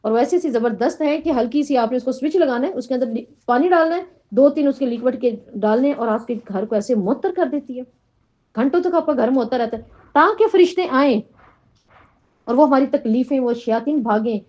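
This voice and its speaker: Woman teacher, high voice, keeps asking the class questions, kinda muffled lo-fi sound. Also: animated, a little mellow. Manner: questioning, repeats "right?" to the class. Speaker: Quran teacher. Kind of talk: religious lesson to a class. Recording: dull lo-fi recording.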